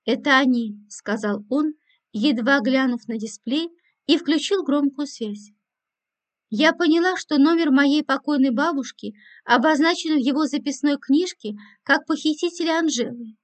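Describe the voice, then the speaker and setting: A woman's voice: sits high, moderate pace. A woman reading a first-person audiobook with a dry, ironic manner. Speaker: audiobook narrator.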